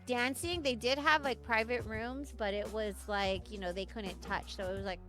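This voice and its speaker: A woman's voice: a little high, steady tone, normal speed, over music. Chatty woman guest, full of "like". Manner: chatty, peppered with "like", swearing. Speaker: podcast guest. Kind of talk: casual interview storytelling.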